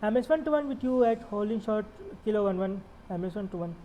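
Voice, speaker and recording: A woman speaking as an airline pilot into a headset microphone, giving brisk, clipped radio readbacks and cockpit calls. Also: medium pitch, expressive, dull audio, slight background noise. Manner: brisk clipped aviation phraseology. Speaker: flight simulator streamer acting as airline pilot.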